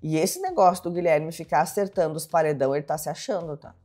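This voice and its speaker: A woman's voice: deep voice, fast, warm tone. Chatty woman gossiping over faint music. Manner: chatty, dramatic storyteller. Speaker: host. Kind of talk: reality show gossip recap.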